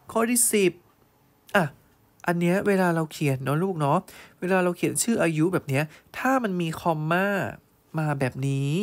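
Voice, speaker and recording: Teaching English grammar online, a man with a fairly high-pitched voice takes test sentences at a slow pace. His explanations are affectionate; he calls learners "child" and keeps checking they're keeping up.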